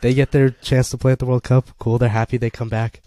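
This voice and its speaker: A man's voice: mid-range voice, little pitch movement, fairly quick, warm tone, dry recording. A young man co-hosting a casual football podcast, opinionated and sarcastic as he argues his picks. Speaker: podcast co-host.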